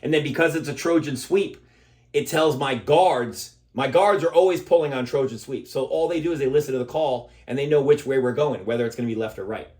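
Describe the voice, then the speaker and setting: A man coaching football, breaking down a play step by step, emphatic and repeating himself, with a steady "okay?" after each point. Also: mid-range voice, brisk. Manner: emphatic, repeats words while explaining.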